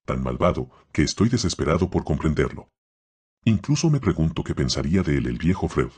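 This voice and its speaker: A man reading the part of a troubled older male psychiatrist, speaking gravely and sorrowfully. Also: a bass voice, very animated, a little fast, darkish tone, exaggerated voice.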